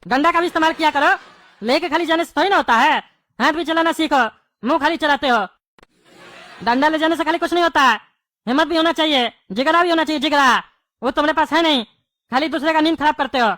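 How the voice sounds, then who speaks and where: A woman's voice: high voice, quick pace, fairly bright tone, dry recording. A woman, playing a quarrelsome neighbour in a scripted comedy sketch. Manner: scolding, quarrelsome. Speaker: comic character, bald neighbour.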